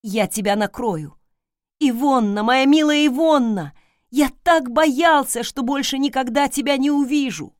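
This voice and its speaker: A woman playing a doting young man in an audiobook, loud and bright with eager emotion. His voice climbs high and pushes forward. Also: measured pace, dry recording, clean studio sound. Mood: overjoyed. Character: devoted young man, emotional and clingy lover.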